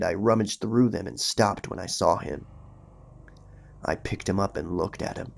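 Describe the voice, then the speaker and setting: Deep and full of vocal fry, this man's voice carries a horror story read aloud with dramatic suspense. As the channel's host and horror narrator, he performs a creepypasta theatrically before shifting to a relaxed recap.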